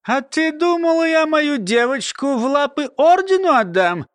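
A woman's voice: high-pitched, animated, a little slow, dry recording, voice pushed up. Man doing a sly mumbling old nanny woman. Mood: folksy, sly. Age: older. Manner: mumbling, folksy, chuckling.

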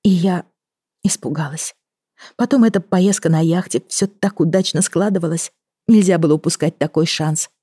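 A woman's voice: moderate pace, warm tone, slightly rough, dry recording, clean studio sound. A woman reading an audiobook and voicing a desperate young woman who confesses to murders, in a pleading, breathless way. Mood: confessing. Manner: pleading, breathless, rising pitch.

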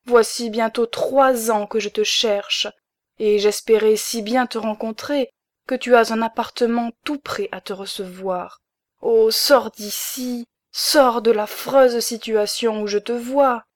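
A woman's voice: a little high, measured pace, darkish tone, no echo, clean studio sound, pitched above the performer's own voice, natural voice. A woman reading the part of an emotional middle-aged baroness who pleads urgently with her husband. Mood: pleading joy.

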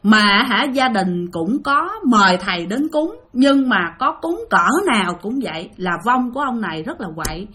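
A woman's voice: medium pitch, lively intonation, moderate pace, few pauses, fairly bright tone. Chatty Southern Vietnamese woman storyteller. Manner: chatty, addresses listeners directly. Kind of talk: telling listener-sent ghost stories.

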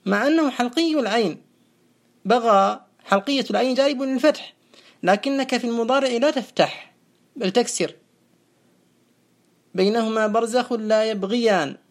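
Patient grammar teacher, mid-pitched, measured classroom lecture with slow, repeated drills of word forms. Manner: methodical, spells out verb forms slowly and repeats them; asks questions and answers them itself. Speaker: teacher of Arabic morphology.

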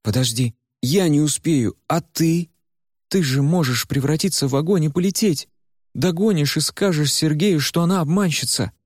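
A man voicing a frantic young woman trapped in a withered old body, pleading in a high, strained voice. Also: normal speed, no echo, clean studio sound, lightly acted. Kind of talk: audiobook character voice.

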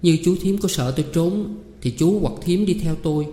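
A poor young daughter in a storybook reading, humble and tearful, her voice lifted higher, as a man puts her on. She pleads softly. The sound echoes in a roomy hall. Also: normal speed, close to an everyday voice. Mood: tearful pleading. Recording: roomy hall with long reverb.

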